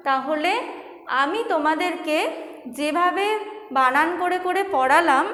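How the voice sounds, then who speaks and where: High-voiced patient woman teacher, echoey room. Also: a bit bright. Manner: slow, patient, spells words letter by letter. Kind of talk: online lesson for young children. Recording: echoey room with long reverb.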